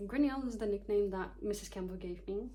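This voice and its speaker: A young woman from Kyrgyzstan in her twenties, a psychology student, talks casually to camera in a vlog with a warm, mid-range voice at a quick pace. She jokes at her own expense and loosely reads from her notes.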